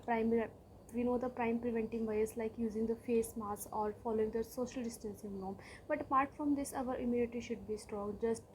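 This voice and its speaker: Mellow, higher-voiced young Indian woman speechmaking. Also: poor audio. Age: young adult. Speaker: student contest speaker. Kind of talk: prepared declamation speech. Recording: faint background noise.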